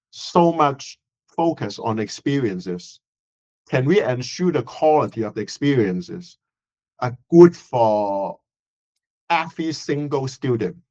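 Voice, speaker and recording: A man's voice: mid-range voice, a little mellow. A man speaking as a university professor, thinking aloud with hesitations and fillers. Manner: thoughtful, hesitant, many fillers. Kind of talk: reflective interview answer. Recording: dull, slightly lo-fi sound.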